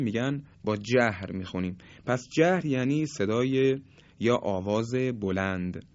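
A man teaching Quran recitation rules, explaining patiently and stretching key terms as he demonstrates sounds. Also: fairly low pitch. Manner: polite, formal address to listeners. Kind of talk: spoken lesson on tajweed. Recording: slightly dull, lo-fi recording.

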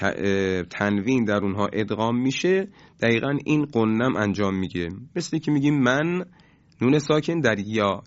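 A man teaching a recorded lesson on Quran recitation, explaining in a measured way with hesitant fillers. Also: lowish voice. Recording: dull lo-fi recording.

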